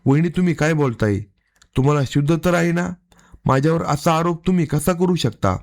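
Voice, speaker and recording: A man's voice: mid-range voice, normal speed, close to an everyday voice. A man voicing a nervous young brother-in-law who protests his innocence, in a storybook reading. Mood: defensive.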